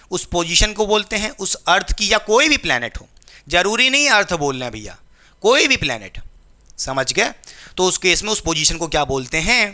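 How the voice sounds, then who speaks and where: A man's voice: high voice, pushed and bright. A male physics teacher giving a classroom lecture, asking his students questions and answering them himself in a playful call-and-response way.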